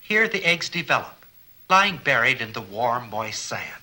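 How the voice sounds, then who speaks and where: A man's voice: medium pitch, sing-song, measured pace, pushed and bright, rough recording. A man giving scripted educational documentary narration in an earnest, explanatory way, often posing rhetorical questions. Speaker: film narrator.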